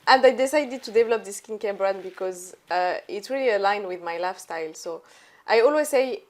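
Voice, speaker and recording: A woman's voice: medium pitch, lively intonation, a little fast, darkish tone. Chatty young woman. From born in Algeria, raised in France. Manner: chatty, many "so" and "like" fillers. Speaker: guest, entrepreneur. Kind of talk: casual conversational storytelling.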